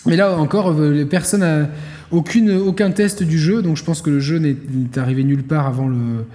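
A man's voice: fairly high pitch, normal speed, mellow, big-room sound. A man co-hosting a casual gaming podcast, rambling with many fillers and restarts. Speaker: podcast co-host.

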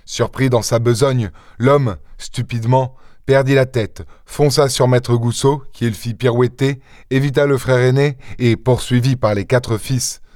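A man reading a short story aloud in a measured, low-key narrating voice. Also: a little mellow, no room sound, clean studio sound. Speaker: audiobook reader. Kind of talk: scripted narration.

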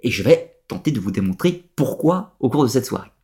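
A man's voice: mid-range voice, big pitch swings, a little fast, dark tone. A man presenting a structured lecture, explaining step by step with frequent hesitations.

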